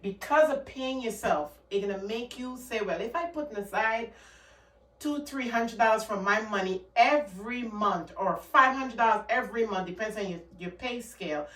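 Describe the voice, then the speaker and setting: In casual talk-to-camera advice about money, a Guyanese channel host with a Guyanese accent speaks earnestly and emphatically, circling back to her points. Her pitch is fairly high and a bit bright at a normal speed. A distant mic and echoey room shape the sound.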